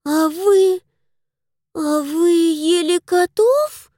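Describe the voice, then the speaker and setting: A woman's voice: extremely high pitch, very animated, a little slow, darkish tone, no room sound, studio quality, voice pushed up, heavily acted. A woman voicing a naive, curious little girl in a storybook reading. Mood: wondering. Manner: naive, wondering.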